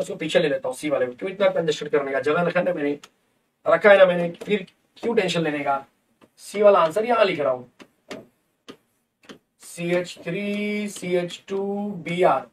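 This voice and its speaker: A man's voice: high-pitched, moderate pace, pauses often, slight background noise. A man, a chemistry teacher in a live online lesson, playful and chatty, calling his students kids. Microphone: desk mic on a livestream. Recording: distant, somewhat echoey livestream sound.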